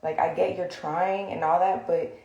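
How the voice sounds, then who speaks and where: A woman's voice: fairly low pitch, flat delivery, normal speed, creaky, mellow, dull audio. A young woman in a heated, blunt rant to the camera, swearing and filling with "like". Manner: heated, blunt, swears often, many fillers. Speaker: social media personality. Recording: echoey room.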